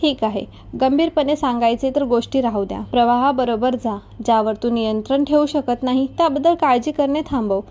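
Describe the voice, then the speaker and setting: Storybook figure: a playful young woman friend, teasing but soft and firm, fairly high, mellow voice , read by a female narrator. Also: brisk, few pauses, close to an everyday voice. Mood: reassuring. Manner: teasing yet reassuring.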